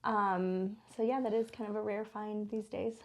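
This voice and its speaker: A small business co-owner appears as an interview guest in a small studio, speaking with a flat delivery at medium pitch and normal speed. The American woman, in her thirties, was born in the Philippines and grew up in Denver from age eight; her talk is informal and chatty, peppered with fillers like "like."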